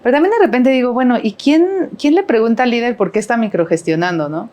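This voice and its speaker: A middle-aged woman with a Mexican Spanish accent guests on a podcast in a casual conversational interview, rambling with plenty of fillers and tag questions. Her fairly high voice is expressive and quick, with a darkish tone.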